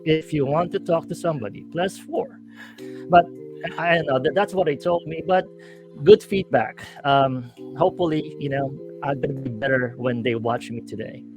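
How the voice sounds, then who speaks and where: Poor audio and faint music behind him frame a fairly high-pitched, darkish-toned man talking at a moderate pace. He is a middle-aged podcast co-host with a Filipino accent, keeping a streamed talk show's casual chat upbeat despite heavy use of hesitant fillers.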